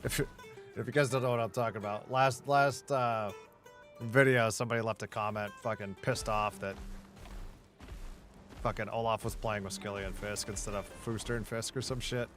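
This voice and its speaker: A man's voice: on the low side, steady tone, moderate pace, fairly bright tone, faint music behind. A man chatting casually with a friend while gaming, rambling and swearing heavily, with many restarts.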